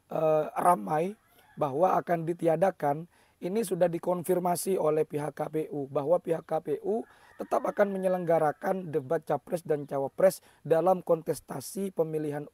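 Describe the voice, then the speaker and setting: A man with a slightly hoarse, mellow voice pitched somewhat high hosts an explanatory commentary. He talks in a measured way and keeps pausing on hesitation fillers. The sound is close and dry, with no room echo. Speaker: host.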